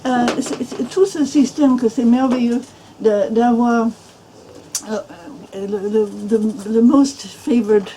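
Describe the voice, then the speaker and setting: An older woman from Minnesota speaking French, a native English speaker who talks haltingly with many restarts and fillers, as a guest on a bookshop panel. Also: a little high, a crowd in the background, low-quality recording. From Minnesota, USA. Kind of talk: panel discussion. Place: bookshop event room.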